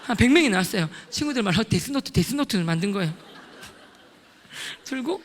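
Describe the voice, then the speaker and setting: A middle-aged man, a lay deacon, giving an excitable testimony sermon at a church prayer meeting and loudly acting out scenes. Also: high voice, a little fast, slight background noise. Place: church sanctuary. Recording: long reverb of a large church hall.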